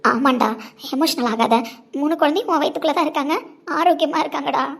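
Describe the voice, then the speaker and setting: A woman playing a calm female doctor who soothes and steadies her patient. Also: sits high, quick pace, vocal fry, pitched below the performer's own voice. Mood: soothing. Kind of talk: home video drama acting.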